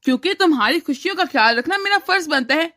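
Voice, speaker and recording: A woman voicing a caring, agreeable young husband in a cartoon story, speaking in a gentle, reassuring way. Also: high voice, expressive, fast talker. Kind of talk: cartoon voice acting.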